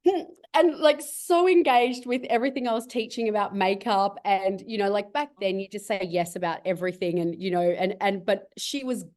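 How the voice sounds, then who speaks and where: A woman's voice: medium pitch, brisk, few pauses, a little mellow. A middle-aged woman, a cosmetics business founder, telling a rambling story in a casual interview and laughing often. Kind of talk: casual video-call interview.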